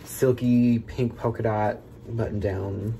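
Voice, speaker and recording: A man's voice: mid-range voice, level tone, takes it slowly, vocal fry, mellow, slight background noise, rough recording. A man in his twenties with an American accent, co-hosting in casual chat and speaking toothless, without his teeth in. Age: 20s. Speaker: co-host. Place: small plain room indoors.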